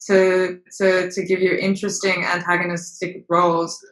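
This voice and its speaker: A young woman from Australia, an actress and model, talks openly in an interview, peppering her speech with casual swearing and fillers. Her fairly low voice stays level, moves at normal speed and sounds a bit bright, while the recording has a roomy echo.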